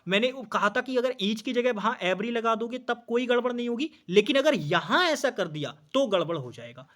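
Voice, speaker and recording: A man's voice: very high-pitched, expressive, normal speed, fairly bright tone. A man teaching an exam-prep English grammar lesson. He asks questions, answers them himself, repeats key points and calls the students brother.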